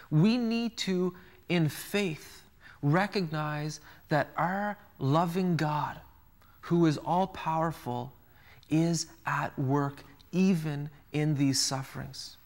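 Earnest priest with a slightly high voice. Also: male voice, takes it slowly. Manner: earnest, storytelling with acted quotes. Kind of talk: televised sermon.

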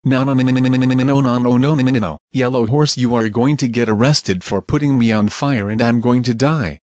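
A man's voice: medium pitch, fairly even intonation, a little fast, darkish tone, no echo, highs cut off, close to an everyday voice. A man voicing a scared male bear toy who pleads and protests over and over. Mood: pleading. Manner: pleading, with strings of repeated protests.

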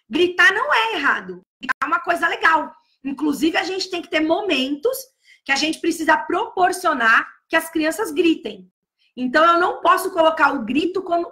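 A woman talks loudly in a high, bright voice, giving casual advice to fellow teachers. She stresses her points by repeating key words over and over. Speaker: early-childhood educator.

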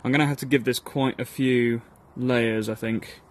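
A man's voice: medium pitch, steady tone, moderate pace. A Northern Irish man giving casual, self-deprecating narration of a workshop build, with plenty of ums and uhs. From Northern Ireland. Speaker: hobby blacksmith.

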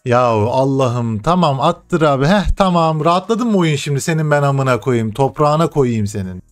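Young male streamer, excitable play-by-play of his own match, mid pitch, faint music bed. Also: normal speed. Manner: excitable, swears and shouts at the game. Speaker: gaming streamer. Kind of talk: live gameplay commentary.

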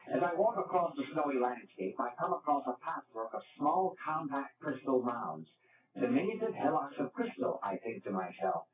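A man reads aloud from his own fantasy book in earnest, formal wording. His mid-pitched voice comes from far off the mic. The sound is thin and phone-like in an echoing room. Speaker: author reading his book. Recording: distant tinny phone-like sound, echoey, crowd behind.

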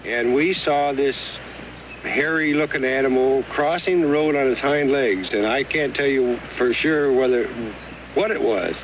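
A man's voice: medium pitch, unhurried. A man recounting what he witnessed, in a personal account. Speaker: eyewitness. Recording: dull old film sound, faint outdoor noise.

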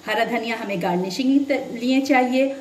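A woman with a fairly high voice, speaking at a normal speed, hosts a cooking channel from her home stove, patiently walking through each step and offering tips. The mic sits far off in an echoey kitchen, and loud frying and sizzling fill the background.

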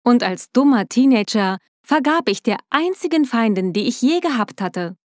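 A woman narrating her own story in the first person in a steady, scripted storytelling manner. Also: fairly high pitch, moderate pace, no room sound, clean studio sound.

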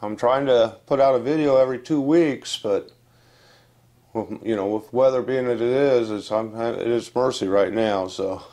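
A man's voice: mid-range voice, moderate pace, warm tone. An older man from West Virginia, giving a casual, rambling update to camera from a room indoors on a lapel mic. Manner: plain-spoken, rambling, many fillers and restarts. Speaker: channel host. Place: indoor room with wooden furniture.

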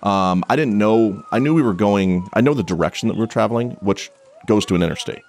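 A man's voice: on the low side, fairly quick, darkish tone, slight background noise. A man who is a police officer, telling a story in a casual podcast interview, blunt and profane, with frequent restarts.

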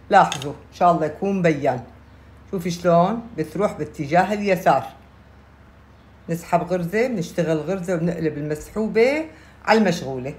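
A woman speaks with a Levantine Arabic accent in a slightly low voice. She teaches casually, step by step, like a craft instructor. She repeats key points and often checks that listeners follow. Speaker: knitting instructor. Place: indoors at a table, hands-only camera view.

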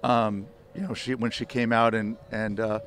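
Speaking into close-held reporter microphones on a stadium field at night, this older head soccer coach answers postgame media questions in a flat, lowish voice at normal speed. He rambles, restarting often and leaning on "you know," with slight background noise around him.

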